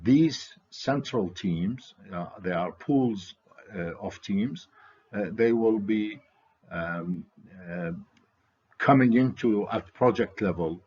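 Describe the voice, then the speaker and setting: A man giving a slide presentation as a network's presenter, speaking in a halting, hesitant way. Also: fairly low pitch, a little mellow, slightly rough. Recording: dull, lo-fi audio.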